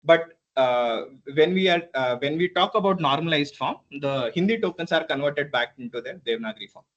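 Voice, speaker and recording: Male PhD candidate, slightly high-pitched, hesitant and cautious thesis-defense delivery with frequent stumbles, dull recording. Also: expressive, fairly bright tone. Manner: hesitant and halting, with frequent stumbles, repeats and throat clearing.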